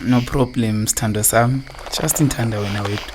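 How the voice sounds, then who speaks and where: A man with a Zimbabwean accent plays an evasive, philandering husband and father in a radio drama; he's smooth-talking and defensive. His lowish voice is steady, brisk and close to everyday speech, with a noisy background. Coaxing and reassuring, he stammers through excuses, switching into English phrases.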